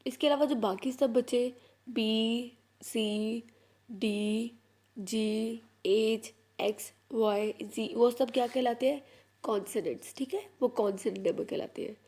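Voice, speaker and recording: Pakistani Punjabi woman teacher, slightly high, husky, unhurried classroom delivery. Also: fairly even intonation, mellow. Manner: explains English in Hindi-Urdu, slow careful English readings. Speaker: school teacher. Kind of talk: classroom lesson.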